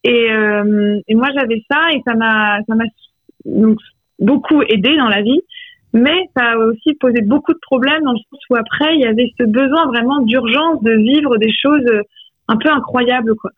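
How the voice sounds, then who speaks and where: Author guest on a phone call, heard through a thin landline, close and dry, thoughtful and searching in delivery. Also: female voice, on the high side, normal speed, dry recording. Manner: reflective, searching for words. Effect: heard over a landline phone line. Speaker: author interviewed about her poetry. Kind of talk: radio interview by phone. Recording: tinny, dry phone line.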